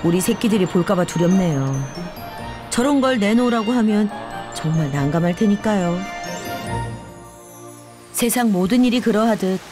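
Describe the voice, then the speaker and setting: A woman with a medium-pitched voice narrates a nature documentary. She reads from a script like a storyteller, taking the point of view of an animal. Music plays clearly behind her. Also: darkish tone. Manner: storytelling, speaking as one of the river's birds. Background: background music.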